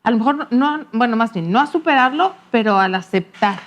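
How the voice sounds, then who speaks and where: Attentive woman host with a higher voice. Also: lively intonation, fairly quick. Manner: attentive, with frequent short affirmations. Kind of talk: interview hosting.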